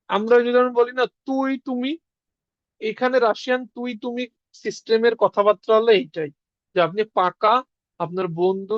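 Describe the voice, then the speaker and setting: Man, high voice, patient teacher on a dull lo-fi line, dry sound. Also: no room sound. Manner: explains step by step, repeats words slowly. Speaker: language teacher. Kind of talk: online class lesson.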